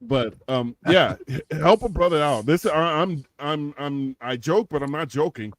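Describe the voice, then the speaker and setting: Rambling and joking, a man in his forties co-hosts a podcast and stumbles through a donation plug with many restarts, amid casual chat and sponsor-style plugs. His voice is fairly high, a little slow, and lively in intonation.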